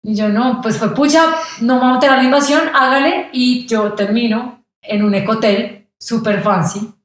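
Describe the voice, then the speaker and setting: A woman's voice: on the high side, moderate pace. A young woman with a Colombian accent tells a story as a podcast guest. She jumps into the voices of the people she meets. The sound is very roomy and echoey. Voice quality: animated, acts out quoted voices. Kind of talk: casual storytelling. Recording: very echoey room.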